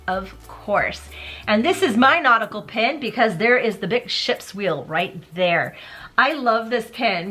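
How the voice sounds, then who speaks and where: Gushing bright-voiced woman vlogger. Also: mid-range voice. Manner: gushing, enthusiastic, chatty. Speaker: pin collector vlogger. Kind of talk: casual show-and-tell vlog.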